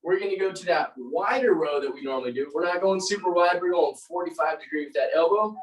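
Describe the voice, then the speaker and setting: An aerobics and fitness instructor coaches a live group workout, firing off short encouraging commands and counting reps. She talks fast at a medium pitch, and the distant mic picks up a roomy echo.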